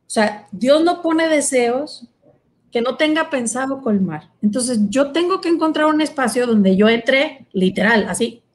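A woman's voice: high voice, lively intonation, unhurried. A woman, a guest earnestly telling her vocation story in conversation, with many fillers. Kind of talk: personal testimony in conversation.

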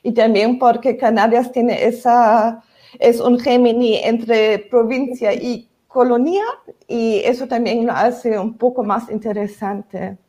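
Woman w foreign accent, non-native spanish, halting n slow, searching for words, writer on a panel. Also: a little high, fairly even intonation, warm tone. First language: not Spanish. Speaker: novelist, panel guest. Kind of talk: panel discussion of own writing.

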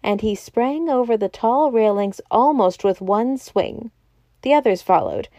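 A woman narrating a novel aloud in a steady, measured reading. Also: fairly high pitch, no echo. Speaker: audiobook narrator. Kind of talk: scripted narration.

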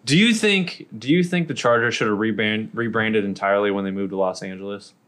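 A man's voice: lowish voice, a little fast, a bit bright. A man co-hosting a podcast in casual banter, teasing his friends and laughing often. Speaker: podcast co-host.

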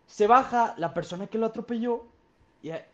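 This co-host's voice is high-pitched and fairly bright, moving at a normal pace as he spins a rambling, slangy podcast story packed with fillers. He's young with a Mexican Spanish accent, and the audio is dull and lo-fi.

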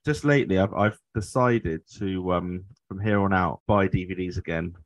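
A man's voice: low voice, moderate pace, no room sound. A British man hosting a podcast, chatting casually in a rambling, conversational way. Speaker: podcast host. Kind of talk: casual chat.

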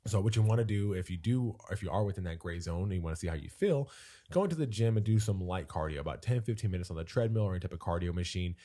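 A young man with a very low voice, dropped further by a recent cold. He chats loosely on a podcast, filling pauses with "um" and "like". He slips in the odd joke. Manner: relaxed, many fillers, jokey. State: deep voice from a cold. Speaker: podcast co-host. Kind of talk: casual podcast chat.

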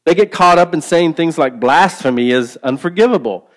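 Emphatic man preaching, slightly high voice. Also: expressive, normal speed. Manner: emphatic, with rhetorical questions and call-and-response. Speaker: podcast host and Bible teacher. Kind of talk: teaching sermon podcast.

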